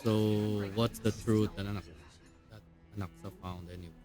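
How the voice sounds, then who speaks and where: A man's voice: on the low side, fairly even intonation, normal speed. A man chatting casually as he streams a game. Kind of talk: casual live-stream chat. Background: game music.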